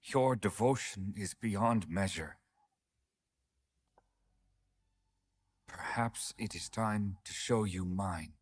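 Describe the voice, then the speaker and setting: An actor playing a courteous older professor in an animated series, with refined, measured, erudite speech. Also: male voice, on the low side, husky. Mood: devoted.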